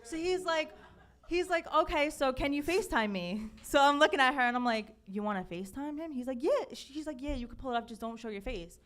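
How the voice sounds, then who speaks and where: A young woman hosting a live podcast, telling a story time in a casual, animated way and acting out the quotes. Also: high-pitched, quick pace. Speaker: podcast host. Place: podcast studio event.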